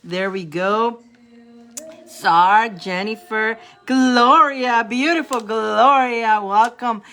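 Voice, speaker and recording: A woman's voice: a little high, very slow, fairly bright tone. A bubbly, giggly woman hosting a tarot livestream, chatting casually with her viewers. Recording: light music in the background. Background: background music.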